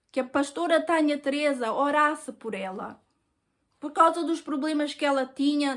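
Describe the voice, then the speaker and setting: High-voiced European Portuguese woman testifying. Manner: earnest, emotional storytelling. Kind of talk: personal testimony.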